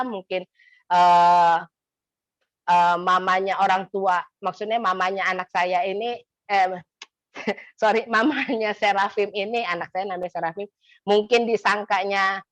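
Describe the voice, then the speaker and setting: Woman, casual testimony, modest, laughs often, mid pitch. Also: a bit bright, dry recording. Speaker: fellowship member giving testimony.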